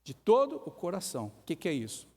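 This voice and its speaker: A man's voice: on the high side, wildly swooping pitch, quick pace, a little mellow. A man with a Brazilian Portuguese accent preaching a sermon to his church, emphatic and full of rhetorical questions, now and then acting out the voices of people he quotes. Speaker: pastor. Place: church hall. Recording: reverberant church hall.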